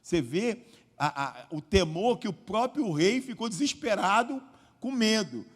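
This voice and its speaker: A man preaching a sermon at a live church service, telling a story and acting out the quoted lines, growing louder as he goes. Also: high voice, sing-song, measured pace. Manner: storytelling, acts out quoted lines, builds in volume. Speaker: pastor. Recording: live church hall reverb.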